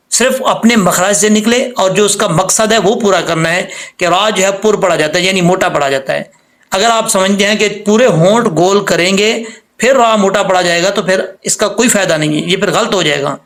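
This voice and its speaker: A man teaching a tajweed lesson, explaining patiently and then reciting words slowly and drawn out as examples. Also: high voice, fairly bright tone.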